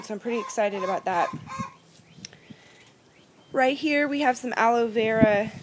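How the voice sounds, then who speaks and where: This young woman's voice sits on the high side as she chats cheerfully through a casual tour of her backyard garden, pointing out what she sees. It's recorded outdoors on a handheld phone, with background noise and her hand occasionally over the microphone.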